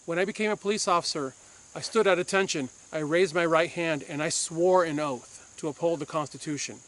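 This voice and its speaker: A man's voice: a little high, fairly quick, a bit bright. A man from Puerto Rico, a former police officer, hosting a firearms channel and giving an insistent opinion monologue to camera, repeating his points for force.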